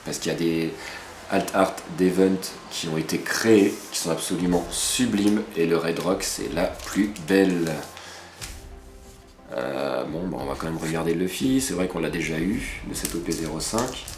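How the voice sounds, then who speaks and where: Speaking at an ordinary pace in a deep voice, a man opens trading card packs on video and talks casually to his audience. He's excitable, reacting loudly to every pull and adding chatty asides. Music plays in the background of a roomy space.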